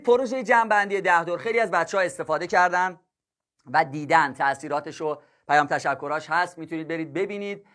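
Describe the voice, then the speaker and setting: Speaking a little higher than most men, this math teacher keeps things casual on his livestream, joking, laughing easily and repeatedly calling his students kids and dear ones. There's a slight brightness to his voice.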